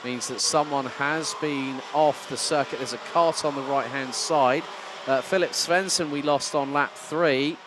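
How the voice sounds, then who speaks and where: A man working as a motorsport commentator, calling a live kart race in punchy phrases with rhetorical questions. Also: medium pitch. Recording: noisy trackside sound with engines. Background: outdoor ambience and vehicle noise.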